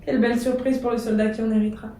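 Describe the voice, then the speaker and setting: An actress playing a young woman factory worker who reads her wartime letters aloud on stage, with an earnest, measured and tender delivery. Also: on the high side, little pitch movement, mellow, close to an everyday voice. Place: theatre stage. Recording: echoey theatre from far off, faint background hum.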